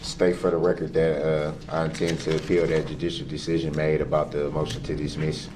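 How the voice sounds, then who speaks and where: A man's voice: extremely low pitch, little pitch movement, fairly quick. A man defending himself in court, speaking in an insistent, formal way, heard in a courtroom recording played back. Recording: distant, noisy courtroom recording.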